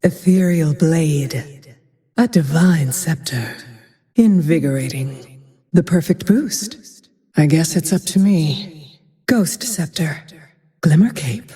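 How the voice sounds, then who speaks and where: A woman voicing a grim, vengeful, haunted female ranger hero in a fantasy game, with terse, brooding, breathy lines. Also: sits low, animated, mellow. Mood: brooding, resolute. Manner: measured, terse, brooding delivery. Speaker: video game voice actor. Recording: long reverb on the voice.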